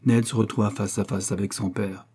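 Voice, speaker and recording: A man narrating a novel as an audiobook in a measured storytelling voice. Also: lowish voice, fairly even intonation, dark tone, slightly rough.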